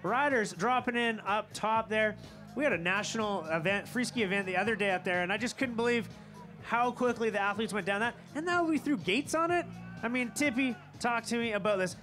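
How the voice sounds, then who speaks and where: An upbeat male commentator calls a live ski event outdoors. His voice sits very high and bright, with faint music playing behind. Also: brisk.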